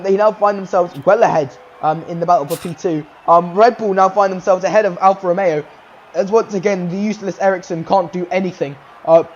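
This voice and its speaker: A man hosting casual sim-racing commentary, excitable and rambling, with lots of "um" fillers as he runs through results. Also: high voice, muffled recording, a little hiss or hum. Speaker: race commentator and series host.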